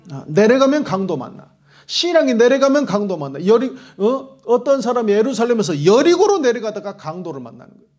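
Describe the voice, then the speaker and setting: A male pastor delivering a sermon in a church sanctuary, preaching with emphatic, repetitive phrasing and acted-out quotes. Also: very high-pitched.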